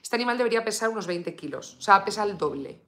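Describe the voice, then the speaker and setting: A woman's voice: mid-range voice, expressive, quick pace, fairly bright tone. A woman from Spain chatting casually on a live stream, full of fillers and reading viewer comments aloud. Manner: coos baby talk at her dog. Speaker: beauty vlogger live streaming.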